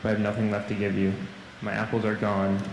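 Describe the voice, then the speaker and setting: A man voicing a gentle, self-sacrificing old apple tree from a storybook, softly and apologetically. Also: lowish voice, monotone, fast talker, natural voice. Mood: sad, apologetic. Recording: echoey hall, long reverb, faint noise.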